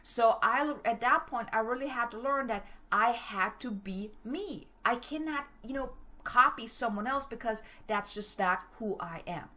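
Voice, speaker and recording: Her slightly high voice is animated, bright, and forceful as this middle-aged German business coach gives a motivational talk. She has a German accent, talks fast and directly, and stumbles over her words.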